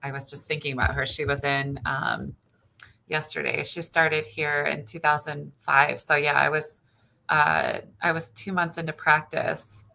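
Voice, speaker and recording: Bright-voiced chiropractor woman, animated. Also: deep voice, measured pace, vocal fry, rough recording. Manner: animated storyteller, acts out patient dialogue. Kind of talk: casual chat.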